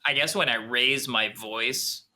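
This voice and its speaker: A man with a Minnesotan accent, a podcast guest chatting casually over a video call, talking haltingly with many restarts. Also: medium pitch, bright, forceful tone. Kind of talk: casual chat.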